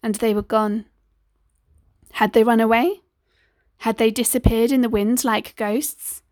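A woman reading a first-person story aloud in a measured, deliberate way. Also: on the high side, steady tone, a little mellow, dry recording, studio quality. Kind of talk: scripted audiobook narration.

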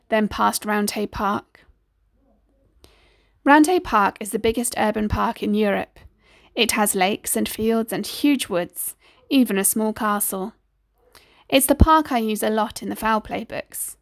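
A woman reading a first-person story aloud in a measured, deliberate way. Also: medium pitch, creaky, no echo, clean studio sound. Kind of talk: scripted audiobook narration.

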